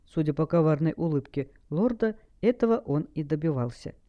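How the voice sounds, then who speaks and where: A man narrating a fantasy audiobook in a measured, expressive reading, on a dull lo-fi recording. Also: a little high. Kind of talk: scripted narration.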